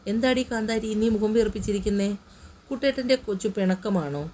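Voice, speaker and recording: A woman's voice: medium pitch, a little fast, darkish tone, a little hiss or hum, lightly acted. Young man, playful and loving in tone; woman narrator voicing him.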